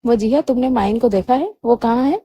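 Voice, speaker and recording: A woman reading the lines of a young husband, in a low and cold, measured tone. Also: dark tone, natural voice. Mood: calling. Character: young husband, cool then loving.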